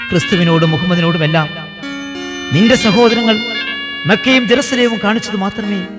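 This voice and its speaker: A man voicing the world's conscience, declaiming in a raised, impassioned voice. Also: high-pitched. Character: voice of the world's conscience, defiant, oratorical. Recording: reverberant, faint music behind.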